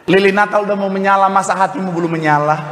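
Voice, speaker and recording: A male pastor preaches in a high, bright voice, joking and calling for responses from the congregation. His voice rings through a large, reverberant church hall over a steady bed of room ambience. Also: fast talker, over a noisy crowd, very noisy. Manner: playful, calls for audience responses. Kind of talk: lively, humorous sermon.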